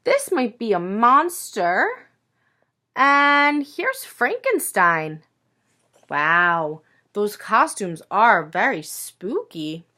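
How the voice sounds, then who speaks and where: A teacher with a medium-pitched voice reads a picture book aloud to young children, expressive and sing-song, pausing to ask them questions.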